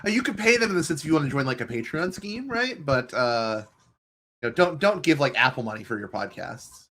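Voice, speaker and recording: A man co-hosting a podcast, trading quick quips and laughs during casual card game commentary. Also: on the high side, animated, pushed and bright.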